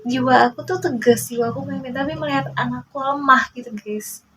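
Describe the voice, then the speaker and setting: A woman in her forties, a mother speaking in a casual to-camera monologue, emotional and halting, often addressing her listeners directly, indignant and protective. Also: sits high, fairly bright tone, a little hiss or hum, low-quality recording. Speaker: mother sharing a personal story.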